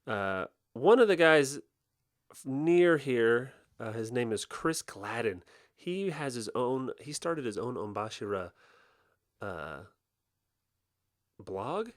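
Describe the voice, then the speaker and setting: A young man riffs through a casual podcast commentary, tossing out quick deadpan jokes. His voice is lively, leaping high and dropping low as he talks. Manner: joking, animated, quick deadpan gags. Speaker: podcast co-host. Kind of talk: casual commentary over festival video.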